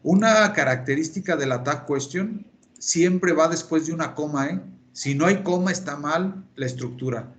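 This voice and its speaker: Speaking in a slightly high, fairly bright voice at a moderate pace, a man teaches an English class online, explaining in Spanish. He breaks things down step by step and repeats key terms into his computer mic on a video call.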